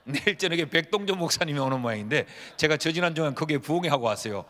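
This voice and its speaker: A man's voice: a little high, expressive, fast talker, a bit bright, a little hiss or hum. A man in his fifties, a pastor preaching a sermon, telling humorous stories and acting out prayers as dialogue. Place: church sanctuary. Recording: long reverb of a church hall.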